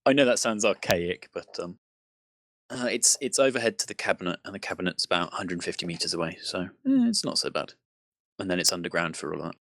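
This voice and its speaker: A man from the UK hosting a casual podcast chat, relaxed and self-deprecating. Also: low-pitched, quick pace, dry recording. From United Kingdom. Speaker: podcast host.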